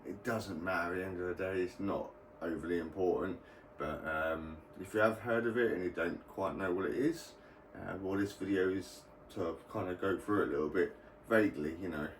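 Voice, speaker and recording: Speaking fairly quickly with hardly any pauses, this low-voiced British man rambles informally through an explainer for his hobby video channel. The mic is distant, the room echoey, and faint noise sits in the background.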